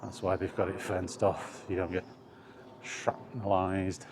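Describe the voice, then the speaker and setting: A man speaks a little slowly in a low voice with little pitch movement as he vlogs alone on a walk along streets or paths. He muses casually to himself, trailing into asides, and the outdoor recording picks up plenty of environmental noise.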